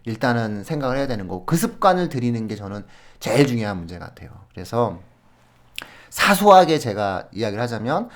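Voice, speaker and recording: A man on an education podcast, telling classroom stories in an animated way and laughing often as he gives advice. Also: mid-range voice, a little fast. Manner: animated storytelling with frequent laughs; explains in a friendly advising way. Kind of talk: conversational podcast talk.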